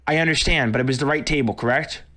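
Excitable, swearing male gambling streamer. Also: medium pitch, quick pace. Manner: excitable, swearing, repeats himself. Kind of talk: live-stream casual chat.

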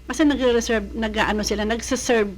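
A woman's voice: a little high, steady tone, brisk. A woman from the Philippines who worked abroad, giving casual advice in a rambling way and often searching for words.

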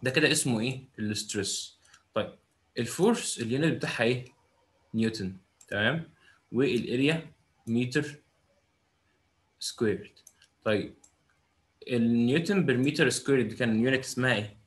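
A man's voice: mid-range voice, fairly quick, long pauses. A young man with an Egyptian Arabic accent giving a physics lesson, often asking a question and answering it himself. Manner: asks rhetorical questions and answers them himself. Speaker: physics teacher. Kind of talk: classroom lecture.

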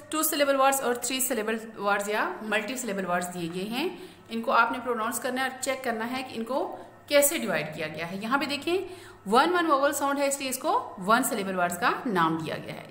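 A woman teacher explains a grammar lesson slowly, asking questions and then answering them herself. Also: high voice, fairly bright tone. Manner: slow, explanatory, asks and answers own questions. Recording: echoey room.

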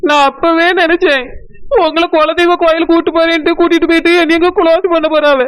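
A woman's voice: very high-pitched, little pitch movement, fast. A woman voicing a frightened, pleading young village daughter-in-law with a Tirunelveli Tamil accent in a cartoon. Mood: fearful. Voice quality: anxious, pleading.

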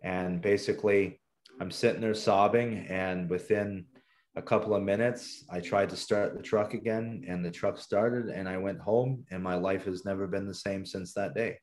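A man's voice: sits low, fairly even intonation, normal speed, a little mellow. A man from southern Ontario, Canada, telling his personal testimony as a podcast guest in an earnest, reflective way.

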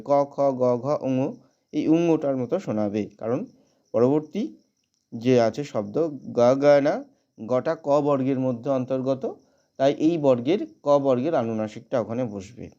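A man teaching how to pronounce a Sanskrit prayer, chanting verses slowly and breaking each word down syllable by syllable. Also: medium pitch, lively intonation, dark tone, lo-fi sound. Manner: slow drawn-out chanting of verses, brisker spoken explanations. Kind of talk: chanting a prayer, then explaining pronunciation.

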